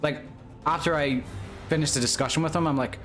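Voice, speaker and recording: Soft music plays behind a man in his twenties who rambles to his stream audience, making jokes at his own expense and laughing often. His voice sits on the high side and is fairly bright, with fairly even intonation and a slightly fast pace.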